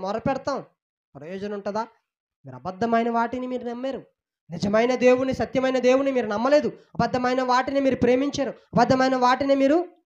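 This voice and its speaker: A woman preaching an emotional sermon, reading scripture and repeating phrases with loud rebukes and hushed pleading. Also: fairly high pitch, dull audio. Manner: emphatic, repetitive, swings between loud rebuke and hushed pleading.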